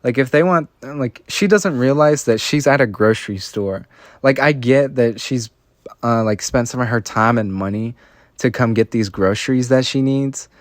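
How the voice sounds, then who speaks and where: Young guy ranting while gaming, rambly and annoyed, normal pitch, dry close mic. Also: moderate pace, no room sound. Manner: rambling, frustrated, lots of filler "like". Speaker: vlogger. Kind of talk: casual rant while gaming.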